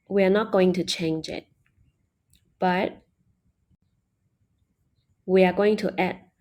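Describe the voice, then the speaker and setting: A woman leads an online language lesson at an unhurried pace. Her voice is soft and mellow, and she patiently explains each step. She slowly models every example phrase. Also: medium pitch. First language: Mandarin Chinese. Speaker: Chinese language teacher.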